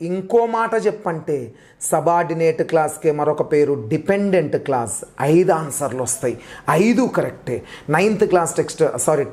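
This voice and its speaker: A man's voice: extremely high pitch, a bit bright. A man teaching English grammar for a teacher exam, repeating key terms emphatically as he drills them. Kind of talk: exam-prep grammar lecture.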